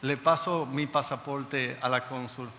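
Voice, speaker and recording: A male pastor preaching a sermon, telling a personal story in an animated way and acting out the dialogue. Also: mid-range voice, unhurried. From Dominican Republic. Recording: reverberant church hall, faint noise.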